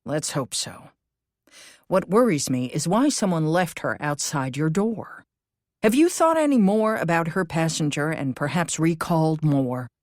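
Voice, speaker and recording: A woman voices a calm, cautious businessman in a cozy mystery audiobook. He explains in a measured manner, low in register, with a dry, close sound. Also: no room sound. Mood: concerned.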